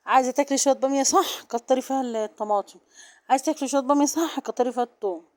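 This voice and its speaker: A woman with an Egyptian Arabic accent and a soft, low-volume voice, chatting directly to viewers in a casual vlog. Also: racing. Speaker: vlogger.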